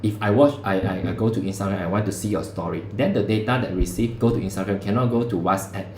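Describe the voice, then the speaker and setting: This livestream lesson is led by a man whose voice is low and darkish and whose pace is quick. His teaching is informal and conversational, full of local particles, and his streaming mic catches room echo and a faint hum.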